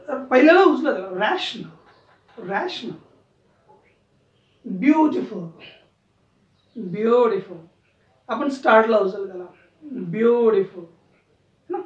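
A woman teaching English pronunciation in a classroom lesson, repeating words slowly and stressing syllables, often asking her learners questions. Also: on the high side, a little mellow. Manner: asks learners questions and checks understanding. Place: room with a writing board. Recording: roomy, distant and dull sound.

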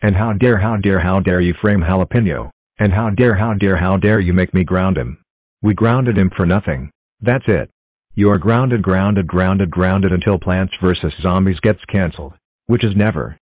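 A man's voice: deep voice, normal speed, no room sound. A synthetic male voice playing a bossy, accusing boy in a cartoon, scolding with repeated words. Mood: furious. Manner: shouting repetitions, scolding. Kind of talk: text-to-speech cartoon voice. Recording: dull dry lo-fi audio.

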